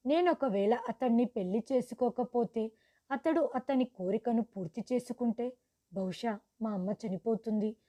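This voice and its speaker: Mellow-voiced woman narrating a story. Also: fairly high pitch. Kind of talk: first-person story narration.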